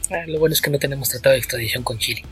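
A man co-hosting a podcast in casual chat, talking quickly with small restarts. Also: mid-range voice, a bit bright, soft background music. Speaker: podcast co-host.

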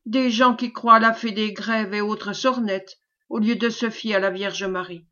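A woman reading the lines of a servile, scheming man who flatters in a caressing, obsequious tone, in a storybook reading. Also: medium pitch, moderate pace, dull audio, lightly acted. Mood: fawning. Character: fawning, sly male schemer, servile and unctuous.

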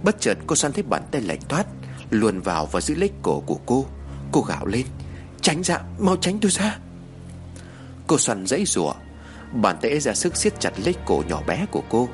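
A man's voice: on the low side, brisk. Man narrating a horror story dramatically. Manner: dramatic, expressive reading. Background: faint music.

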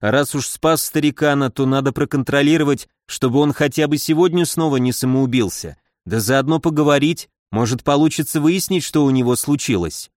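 A man reading a first-person story aloud as an audiobook narrator, with a wry, brisk manner. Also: medium pitch, no room sound, studio quality.

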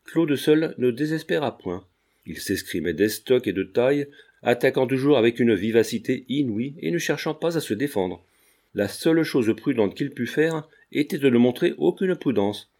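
Male audiobook narrator, mid pitch, measured storytelling. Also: expressive, darkish tone. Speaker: audiobook reader. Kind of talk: scripted narration.

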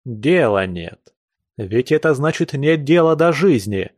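A man's voice: mid-range voice, animated, unhurried, a little mellow, dry recording, clean studio sound, natural voice. A man reading a classic novel aloud, voicing a passionate, earnest young nobleman with urgent, lecturing speech. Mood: fervent.

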